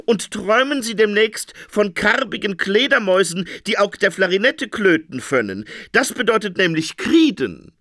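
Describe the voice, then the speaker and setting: Male reader playing a pompous court dream interpreter, slow prophetic declaiming, high lively voice. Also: no room sound, studio quality, exaggerated voice.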